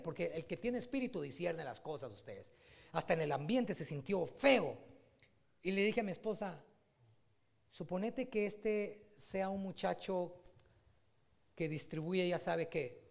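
A man preaching a sermon in an animated way, rising to loud, emphatic peaks. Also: high voice, creaky.

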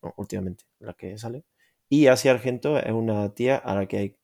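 A man from Spain with a Spanish accent co-hosts a film podcast, launching into sarcastic, profane rants amid crude, casual banter. His lowish voice is creaky and mellow, and he talks a little fast.

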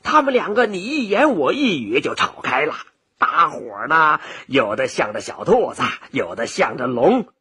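A man narrating a children's story in a playful, expressive way. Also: a little high, normal speed, breathy edge.

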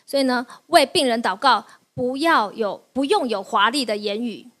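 A woman pastor, preaching a lively sermon, often laughing and firing quick questions at her listeners, then answering them herself. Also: on the high side. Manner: laughs often while teaching.

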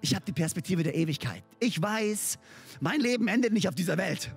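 A male pastor giving a sermon in a high, husky voice. He speaks to the congregation in a lively, emphatic and chatty way, and soft music plays faintly behind him. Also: a little fast. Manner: lively and emphatic, mixes in English words; conversational, speaks directly to listeners.

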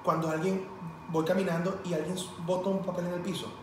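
A man with a Venezuelan Spanish accent tells stories in casual chat and acts out the voices in them. His voice sits a bit high and sounds far from the mic. The room is very echoey. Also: a little fast, slight background noise. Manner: animated storyteller acting out quoted dialogue.

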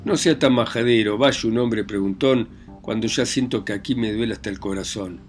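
A man reading aloud voices a defiant, grieving young country widow who answers with sharp, indignant retorts. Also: lowish voice, steady tone, fast talker, soft background music, lightly acted.

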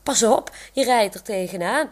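A woman's voice: a little high, normal speed, natural voice. Olaf, a woman reading as a proud young man. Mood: cheerful. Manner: proud, grinning. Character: cheerful young man in a wheelchair.

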